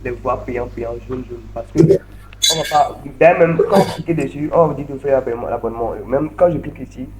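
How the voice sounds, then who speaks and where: A man's voice: medium pitch, fairly quick, noisy background. Man talking through screen-share tutorial. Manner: narrates each click step by step, repeats words. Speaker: online course trainer.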